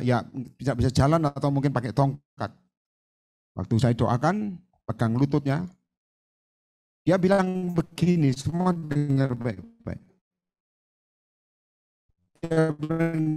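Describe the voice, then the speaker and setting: A male evangelist with a mid-range voice preaches a sermon, addressing the congregation emphatically and switching between loud exclamations and hushed storytelling.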